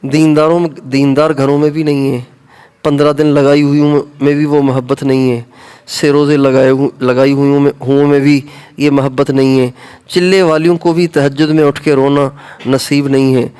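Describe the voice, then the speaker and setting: A man with a Pakistani Urdu accent preaches, raising his voice to stress each point and repeating phrases over and over. His voice sits a little higher than most men's. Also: a little mellow, clear, resonant tone. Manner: repetitive, emphatic, rising for stress. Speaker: Islamic preacher. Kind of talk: sermon to women.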